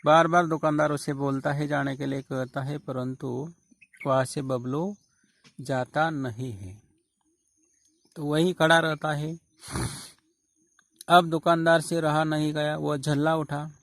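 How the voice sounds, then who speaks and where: A male teacher slowly explaining a story line by line, paraphrasing idioms and clearing his throat often. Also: a little high, level tone, no room sound. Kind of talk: classroom lecture explaining a story.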